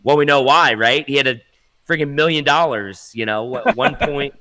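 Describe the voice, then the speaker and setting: Bright-voiced man on a sports podcast. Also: medium pitch, animated, normal speed. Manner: thinks aloud, checks with others. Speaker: podcast co-host. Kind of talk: casual sports chat.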